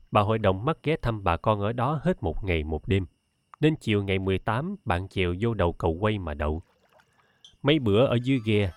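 A man reading a novel aloud as an audiobook narrator, in a steady, measured way. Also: on the low side, no room sound. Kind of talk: scripted narration.

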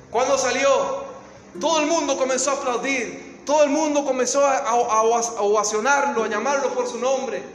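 A man with a Latin American Spanish accent preaching a sermon, telling a story dramatically and swinging from hushed tones to shouts. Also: very high voice, roomy sound, long reverb tail, rough recording.

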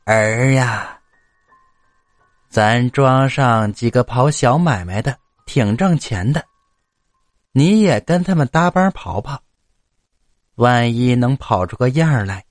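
A man voicing a doting, worried widowed mother near seventy who talks slowly and coaxingly in a told story. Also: mid-range voice, expressive, no echo, clean studio sound. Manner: slow, pleading, coaxing.

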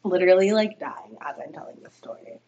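A young woman, a guest on a casual podcast, tells a story in a chatty way, full of fillers and giggles. Her voice is on the low side and warm, fairly quick, and the highs are cut off.

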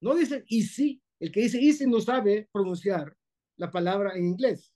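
A man's voice: sits high, animated, normal speed, dark tone. A man with a Colombian Spanish accent teaching a class as a rabbi, emphatic, repeating and exaggerating sounds to demonstrate them and checking that his students follow. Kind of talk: spoken class, explaining pronunciation.

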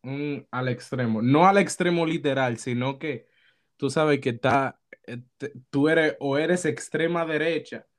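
Young male host, casual, halting delivery, middle pitch. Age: young adult. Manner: halting, searching for words. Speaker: podcast host. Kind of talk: casual conversation.

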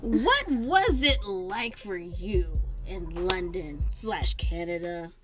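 Lively, animated young-sounding woman chatting. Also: on the low side, slow pace, over loud music. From United States. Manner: animated, laughing, repeats words when excited. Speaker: podcast co-host. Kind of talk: casual chat between friends.

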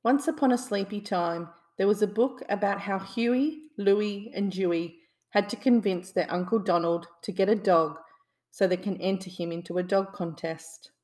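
A woman reading a children's bedtime story aloud. Her delivery is gentle and soothing, the calm pace of a storyteller settling listeners for sleep. Her pitch sits in an ordinary middle range. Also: moderate pace.

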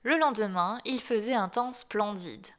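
A woman reading a fairy tale aloud in a clear, expressive storybook manner. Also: mid-range voice, unhurried. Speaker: narrator.

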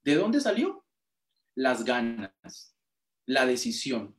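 A man's voice: mid-range voice, very animated, slow pace. A Colombian man giving a motivational talk, telling his own story with emotion and repetition. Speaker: motivational speaker. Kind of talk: personal testimony storytelling.

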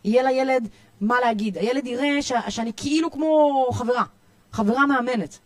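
A woman youth coach with an Israeli accent, giving parenting tips in a podcast interview in an energetic, emphatic way, often repeating herself. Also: high voice, no room sound. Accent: Israeli Hebrew. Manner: energetic, repetitive, emphatic listing.

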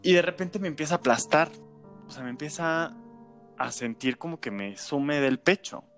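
A man with a Mexican accent tells a story in relaxed, slangy speech, leaning on fillers and tag questions. His delivery is animated and conversational, and faint music plays behind him. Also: a little high, normal speed. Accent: Mexican Spanish. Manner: animated, colloquial, filler-heavy with frequent "este" and "¿no?". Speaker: storyteller guest. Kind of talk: casual spoken storytelling.

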